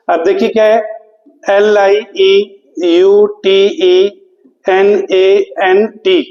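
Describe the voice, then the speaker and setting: A man's voice: high voice, darkish tone, roomy sound, long reverb tail, lo-fi sound. A man teaching English spelling to exam students, spelling words out letter by letter and asking the class questions he then answers himself. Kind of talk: exam prep lecture.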